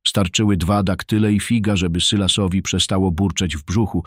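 A man narrating an audiobook in a calm, measured storytelling manner. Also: sits low, dry recording, clean studio sound. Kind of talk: scripted narration.

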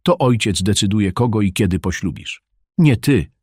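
A man's voice: low voice, normal speed, slightly rough, dry recording, clean studio sound. A man reading an audiobook, voicing a stern mother who commands her daughter to obey. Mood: threatening.

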